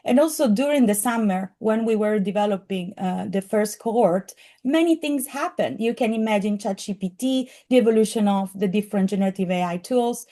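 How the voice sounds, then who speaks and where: A middle-aged woman with a strong Italian accent presents her program in earnest, working through frequent fillers and restarts. Her voice is mellow and soft-edged, sitting at a middle pitch. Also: fairly quick. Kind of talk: presentation to an audience.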